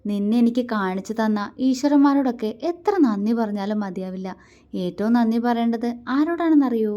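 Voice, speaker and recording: A fond young husband teases and coaxes his wife, his tone playful and loving, as a woman storyteller voices him. The delivery stays close and gentle. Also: on the high side, brisk, muffled recording, lightly acted. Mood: teasing. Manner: playful, coaxing. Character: affectionate teasing young husband.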